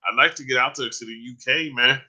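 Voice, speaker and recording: Talking fast on a casual live stream, a man addresses his viewers by name and drifts loosely from point to point, full of fillers and a frequent "man" tacked onto his lines. His mid-range voice, very bright and tense, is turning hoarse from hours on air.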